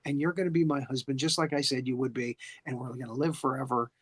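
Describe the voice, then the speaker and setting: A podcast host acting out a young woman vampire who schemes to live forever with her lover, in a low hushed voice. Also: steady tone, fast, breathy edge, lightly acted. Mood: scheming.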